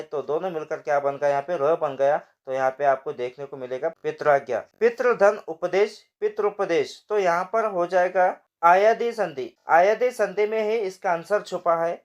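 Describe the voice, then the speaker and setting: A man's voice: high voice, highs cut off. A male teacher explaining a grammar lesson, asking rhetorical questions and walking students through each example.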